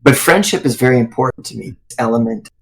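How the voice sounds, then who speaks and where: A man in his thirties talking casually over a remote call, halting and restarting, while his audio keeps cutting out in dropouts. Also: medium pitch, sing-song, creaky. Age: 30s. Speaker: podcast guest sharing a dream. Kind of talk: casual conversation.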